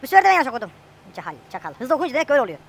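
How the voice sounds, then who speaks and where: A woman's voice: high voice, big pitch swings, racing. A woman chatting casually and joking with a friend while playing a farming game. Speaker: gameplay streamer.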